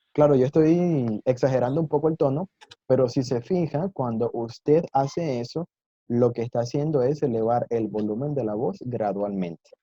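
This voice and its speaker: Husky, encouraging male language teacher. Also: mid-range voice, dark tone, no echo, dull audio. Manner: patient, encouraging, demonstrates sounds with exaggerated intonation. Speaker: Mandarin teacher. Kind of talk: online language lesson.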